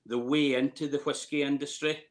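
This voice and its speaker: A man's voice: on the high side, little pitch movement, a little fast. A man in his late fifties from Scotland with a Scottish accent, chatting casually in an interview in a hesitant, rambling way, repeating words as he goes. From Scotland, near Glasgow. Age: late 50s. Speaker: distillery warehouse tour guide.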